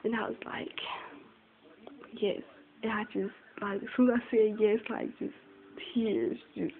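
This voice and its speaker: A woman's voice: medium pitch, steady tone, moderate pace. A young woman telling a personal story in a casual, rambling way, full of "like" and "you know". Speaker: vlogger. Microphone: phone. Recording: tinny phone recording with faint hiss.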